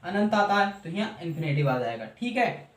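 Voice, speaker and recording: A man's voice: high-pitched, big pitch swings, moderate pace, a bit bright. A man teaching mathematics in Hindi, walking through a table step by step, asking questions and answering them himself. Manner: asks and answers his own questions, repeats steps. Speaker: math teacher. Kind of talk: classroom explanation of a trig table. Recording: echoey room.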